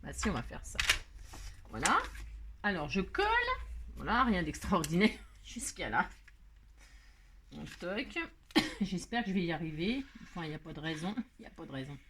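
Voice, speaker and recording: A woman's voice: lowish voice, very animated, moderate pace, pauses often, fairly bright tone, slight background noise. A woman hosting a casual craft tutorial, chatty and scatterbrained, laughing at herself as she works. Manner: sings playfully while working.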